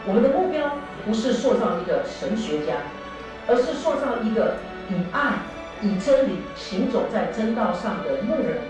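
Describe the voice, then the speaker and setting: A woman's voice: on the high side, very animated, moderate pace. Echoey Taiwanese Mandarin woman over music. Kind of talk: earnest scripted narration. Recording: distant echoey playback with music.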